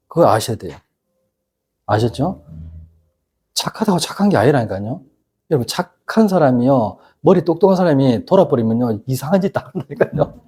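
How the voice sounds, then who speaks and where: A middle-aged pastor preaches a casual sermon at a church youth service, constantly asking the congregation whether they agree. His male voice is medium-pitched, mellow, and slightly rough.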